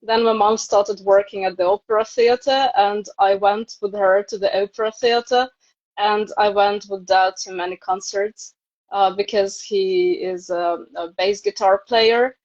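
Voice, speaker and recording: Over a dull, lo-fi video live stream, a Ukrainian-accented woman in her thirties speaks as a casual interview guest on a video call. Ukrainian is her native language, and her medium-pitched voice is steady, a little slow, and a little mellow.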